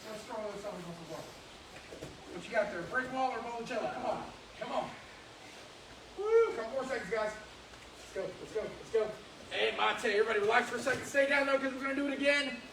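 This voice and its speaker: A man teaching a karate class, shouting counts and commands and cheering students on, in a training hall with mirrors. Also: extremely high pitch, expressive, a little fast, long pauses, slight background noise. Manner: loud barked commands and upbeat encouragement. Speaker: karate instructor. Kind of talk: live coaching of a class.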